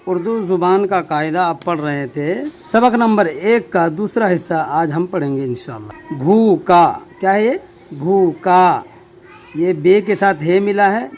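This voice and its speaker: Male teacher, drawn-out patient delivery, repeats each word for learners, leisurely pace. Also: sits high. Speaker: Urdu teacher. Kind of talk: slow spelling-out reading lesson.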